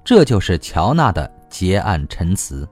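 A man reading a novel aloud as an audiobook narrator in measured, scripted narration. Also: sits low, big pitch swings, a little mellow, faint music behind.

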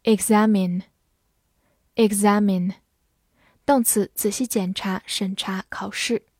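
A woman teaching English vocabulary to learners, saying each English word slowly twice and then reading its meanings. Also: mid-range voice, steady tone, a little mellow, no room sound, clean studio sound. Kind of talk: vocabulary lesson.

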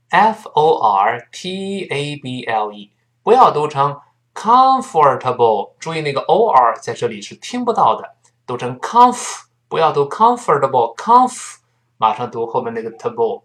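Lively male English teacher. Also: medium pitch. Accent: Mandarin Chinese. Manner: spells words out letter by letter and drills phrases slowly. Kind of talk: spoken English lesson.

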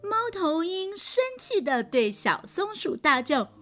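A woman reading a children's story aloud, animated and gentle, speaking to the child listening. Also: very high voice, slow pace, faint music behind.

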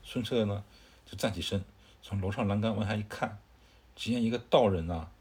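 A man with a fairly low voice retells a classic tale to a child in a relaxed, conversational manner. He stops to explain things in asides and fills pauses with "er". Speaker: storyteller. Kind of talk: casual storytelling to a child.

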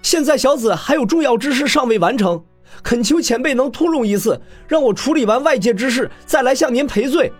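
A man's voice: a little high, very animated, a little fast, husky, faint music behind, exaggerated voice. A man voicing a proud, determined young male cultivator hero in an audiobook, formal and polite in speech. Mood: pleading loudly.

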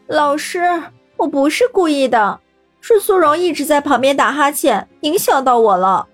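A woman's voice: sits high, expressive, moderate pace, faint music behind, voice pushed up. A woman voicing a young woman who teases and complains. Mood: complaining. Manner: teasing, complaining.

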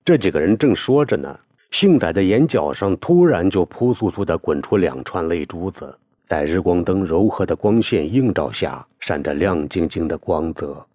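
Man, audiobook narrator, very deep voice, lively intonation, dry close sound. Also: normal speed, few pauses, no echo, muffled recording. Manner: storytelling, expressive.

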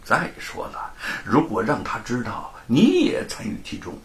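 A man's voice: medium pitch, wildly swooping pitch, measured pace. A man voicing a spiteful, scheming rich villain who sneers and snickers. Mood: spiteful, sneering.

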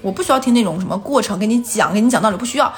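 一位女播客联合主持人，在闲聊中讲故事，说得生动，常常模仿别人说话。. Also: female voice, mid-range voice. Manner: fast, animated storytelling, acting out quotes. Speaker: podcast co-host. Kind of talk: casual chat.

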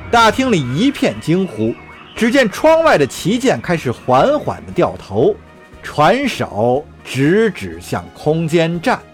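A man narrating an audio drama in an expressive, dramatic way. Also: fairly high pitch, takes it slowly, faint music behind.

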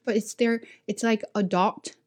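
A young Chinese woman who teaches English tells stories about her experiences in a casual way, with a Chinese accent. Her voice is medium-pitched and steady, and her pace is measured. She restarts often and fills pauses with filler words as she talks things through.

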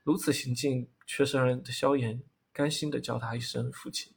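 A man narrating a fantasy novel as an audiobook, with a steady storytelling delivery. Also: mid-range voice, normal speed, creaky, a little hiss or hum.

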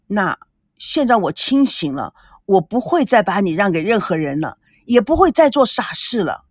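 A woman's voice: mid-range voice, sing-song, normal speed, husky, dry recording, clean studio sound. A woman reading a novel aloud, voicing an earnest young man who is desperate in love and stammers as he pleads. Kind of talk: audiobook character voice.

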